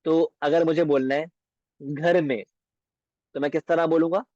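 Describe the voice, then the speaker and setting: A man teaching beginner Arabic in a patient lesson, repeating words slowly and often asking if it is clear. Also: fairly high pitch, fairly even intonation, a little mellow, dry recording, dull audio.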